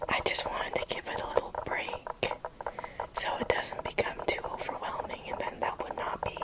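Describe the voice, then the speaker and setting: A woman doing a whispered ASMR roleplay, speaking to the listener as a caring friend in a soft, unvoiced whisper. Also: normal speed, poor audio. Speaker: ASMR creator.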